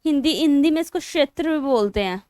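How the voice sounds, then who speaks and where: A woman's voice: high-pitched, animated, fairly quick, dark tone, dry recording, clean studio sound. A woman with an Indian accent teaching English spelling online, spelling words out letter by letter and mixing Hindi with English. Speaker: English teacher for exam prep.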